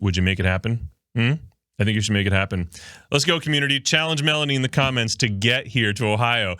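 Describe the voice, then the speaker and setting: Short on sleep, a podcast host from Miami who grew up speaking Spanish keeps his livestream chat loose and joking while reading comments from viewers aloud. His medium-pitched, sharp voice comes through a studio microphone, clean and free of room sound.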